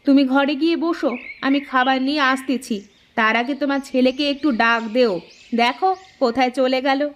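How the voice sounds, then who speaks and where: A woman voicing a sharp-tongued village mother in a cartoon, scolding and sarcastic. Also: high voice, steady tone, a little fast, slight background noise, natural voice. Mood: nagging. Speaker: cartoon voice actress. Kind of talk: cartoon voice acting.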